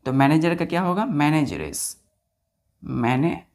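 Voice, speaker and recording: A woman's voice: low voice, sing-song, moderate pace, a little mellow. A woman teaching grammar to students, spelling words out letter by letter, repeating each answer and checking that they follow. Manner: keeps checking if students understood.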